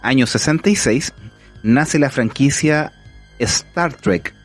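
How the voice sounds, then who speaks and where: A man's voice: medium pitch, slow pace, soft background music. A man with a Chilean accent hosting a casual podcast, an enthusiastic, rambling storyteller. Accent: Chilean Spanish. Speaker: podcast host.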